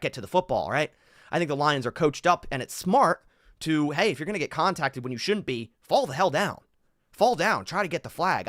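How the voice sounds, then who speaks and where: A man commenting over football game film in an animated, exasperated way, thinking aloud as he goes. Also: on the high side, no room sound, studio quality.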